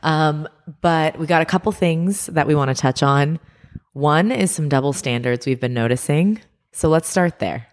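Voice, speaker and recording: A woman with a notably low voice hosts a relaxed podcast chat. She talks in a chatty, teasing way and laughs easily. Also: normal speed, in a large hall. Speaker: podcast co-host. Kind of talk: casual chat.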